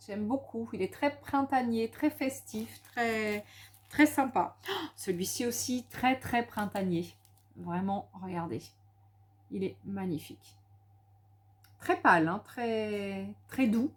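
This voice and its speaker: A woman's voice: medium pitch, takes it slowly. A woman from France chatting casually at home about craft supplies she bought, enthusiastic and full of little hesitations and repeats. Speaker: crafting vlogger. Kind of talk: casual haul and craft chat.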